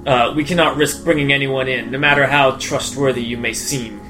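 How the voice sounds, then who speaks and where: A stern city guard who keeps his answers curt and wary, as a man voices him in a tabletop game. He speaks in a clipped, dismissive official tone at an ordinary middle pitch. Faint music plays behind him. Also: fairly even intonation, a little fast, sharp tone, close to an everyday voice.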